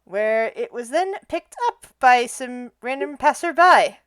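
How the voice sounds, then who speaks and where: A woman game master narrating an improvised tabletop story in a halting way, repeating words as she goes. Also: fairly high pitch, expressive.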